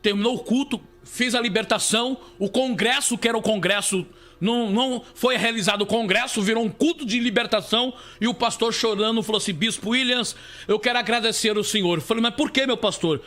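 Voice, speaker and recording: Bishop, man, high ringing voice, stammering live-stream testimony. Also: brisk, fairly bright tone. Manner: repetitive, stammering restarts.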